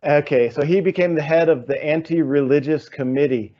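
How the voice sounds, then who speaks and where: A man's voice: a little high, a little fast, dull audio. Man host asking questions. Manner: searching, thinks aloud with fillers. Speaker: interview host. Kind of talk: interview questions.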